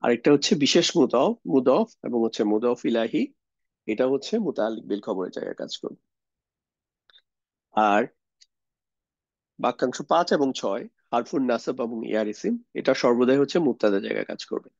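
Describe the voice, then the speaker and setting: A man's voice: mid-range voice, lively intonation, a little fast, long pauses, a little mellow, no echo, dull audio. A young man teaches a grammar lesson, explaining step by step, mixing in English words and asking rhetorical questions. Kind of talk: lecture on Arabic grammar.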